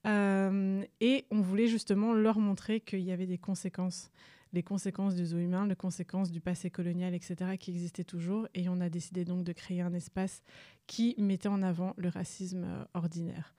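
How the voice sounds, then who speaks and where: A woman's voice: on the low side, little pitch movement, moderate pace, dark tone, dry recording, clean studio sound. A young adult woman from Rwanda, answering interview questions about her museum work with frequent fillers and restarts. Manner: hesitant, many fillers and restarts. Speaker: museum staff guest.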